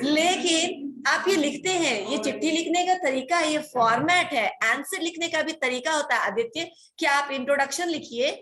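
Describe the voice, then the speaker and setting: A woman's voice: high-pitched, bright, forceful tone. Woman teacher, firm and chatty. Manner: explains firmly, keeps checking in with the class. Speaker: college teacher. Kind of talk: online class lecture.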